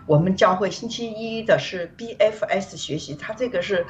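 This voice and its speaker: A woman from China, a guest on a show, giving a rambling, earnest personal testimony of faith over a remote call. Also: normal speed. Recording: distant, dull, faint rumble.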